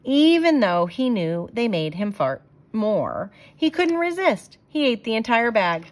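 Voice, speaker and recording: A woman reading a children's picture book aloud in an expressive, emphatic storytelling style. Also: fairly high pitch, a little slow. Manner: animated, emphatic, dramatic phrasing for children.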